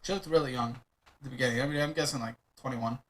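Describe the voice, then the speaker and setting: A man's voice: medium pitch, fast, low-quality recording. A man reacting to a viral video in casual, blunt commentary, sarcastic and swearing freely.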